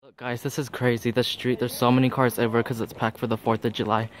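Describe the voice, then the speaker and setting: A man's voice: medium pitch, level tone, fast. A teenage male vlogger chatting casually to the camera in a rambling way, often exclaiming. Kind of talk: casual vlog chat to camera.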